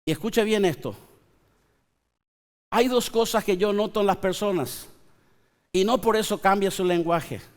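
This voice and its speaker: A man, preaching a sermon to his congregation with slow, emphatic pauses and conversational asides. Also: high voice. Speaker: pastor. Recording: long church hall reverb.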